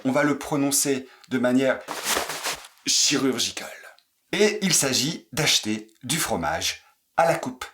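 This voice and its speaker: A man teaching pronunciation, saying each phrase slowly and carefully and breaking words into single sounds for learners to repeat. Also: medium pitch, a bit bright. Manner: very slow, deliberate, repeats sounds and syllables for learners. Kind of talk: pronunciation drill lesson.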